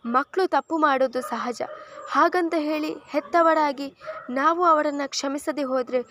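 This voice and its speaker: A woman voicing a middle-aged mother pleading gently with her husband about their daughter. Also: high voice, a little slow, slight background noise. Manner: soft, pleading.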